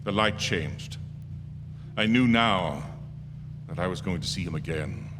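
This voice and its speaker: Against a noisy background and dramatic music echoing through a theatre hall, a deep-voiced man narrates in the first person as a haunted, anxious lone motorist in a radio drama. His delivery is expressive, unhurried and intense, sometimes stammering, steeped in brooding dread.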